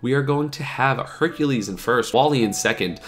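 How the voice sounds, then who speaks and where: In this casual opinion vlog, a gaming YouTuber speaks at a normal clip with a medium-pitched, fairly bright voice. The young man sounds slightly ill, sniffling as he rambles chattily to camera with plenty of fillers.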